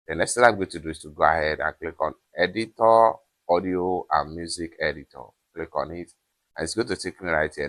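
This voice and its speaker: Deep-voiced man walking through an app tutorial. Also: a bit bright. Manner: step-by-step instructions with repeated stock phrases. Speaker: tutorial presenter. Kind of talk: screen-recorded app tutorial.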